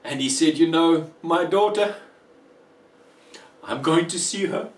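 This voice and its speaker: Male preacher, emotional testimony, long pauses, roomy echo. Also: on the high side, far from the mic. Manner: slow, emotional, dramatic pauses. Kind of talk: testimony sermon.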